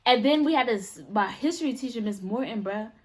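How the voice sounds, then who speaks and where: A young woman in casual chat, telling school stories in an animated way and acting out the people she quotes. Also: on the high side, fairly quick, slight background noise. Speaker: storyteller.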